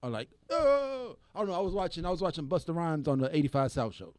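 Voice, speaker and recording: A man co-hosting a podcast in casual chat, animated and laughing often as he acts out quoted voices. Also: on the high side, fast, no room sound, studio quality. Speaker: podcast co-host.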